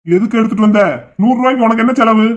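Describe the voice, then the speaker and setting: A man's voice: extremely high pitch, fairly even intonation, rapid-fire. A man doing a bossy, hot-tempered brother. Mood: scolding. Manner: scolding, rude, shouting.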